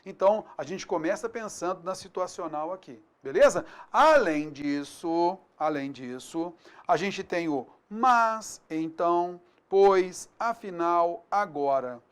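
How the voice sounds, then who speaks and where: Man, Brazilian Portuguese accent, grammar teacher, video lesson, colloquial, lively, frequent tag questions. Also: sits high, slow, clear, resonant tone. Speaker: grammar teacher for an exam prep course.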